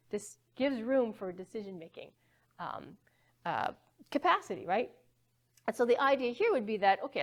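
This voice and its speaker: A woman physics professor talks through a lecture in a church hall. Her voice sits at a middling pitch. She keeps it conversational, tossing questions to the audience and checking in with a quick okay. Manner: conversational, asks the audience questions, frequent okays. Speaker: physics professor giving a talk.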